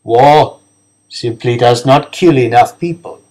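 A man voicing an old professor who lectures a hall in a slow, grave, booming voice. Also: darkish tone, natural voice.

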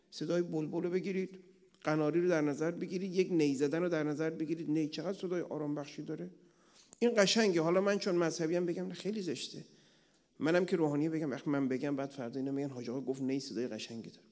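A male cleric delivers a relaxed religious talk, keeping it simple with everyday examples and asking rhetorical questions. His voice sits high for a man. The sound rings with the long reverb of a large prayer hall. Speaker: cleric lecturing at a religious retreat. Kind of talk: conversational religious lecture.

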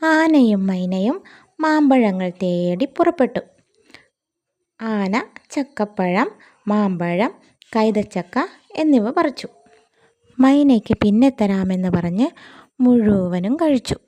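Slow, mellow woman telling a children's story. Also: medium pitch, expressive. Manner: slow, deliberate, sing-song.

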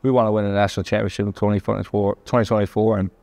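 A young man, a college athlete, answers interview questions over dinner in an easygoing way. His voice sits a little low for a man, and he often restarts and repeats words as he thinks. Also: flat delivery, racing, creaky, darkish tone. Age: young adult. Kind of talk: casual interview chat. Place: indoors at a dinner table.

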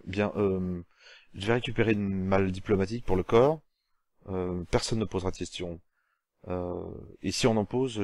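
Cunning ambitious aide, hesitant and flattering, low pitch read by a man. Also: no echo, studio quality.

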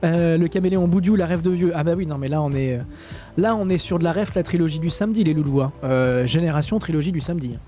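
Un streamer français sans accent qui commente un simulateur de vol en direct, lit le chat et plaisante, avec beaucoup d'hésitations. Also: male voice, on the high side, fast, warm tone, soft background music. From France. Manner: chatty, joking, many hesitations. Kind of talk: live-stream flight sim commentary, reading chat.

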